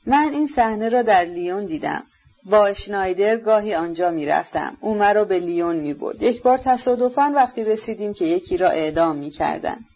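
Woman reading an earnest gentle young prince, sincere, dull lo-fi sound. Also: medium pitch, lively intonation.

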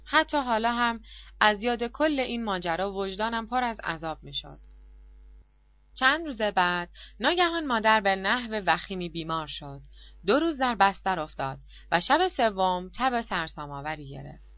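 A woman giving an expressive, confessional first-person audiobook narration. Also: mid-range voice, no room sound, lo-fi sound.

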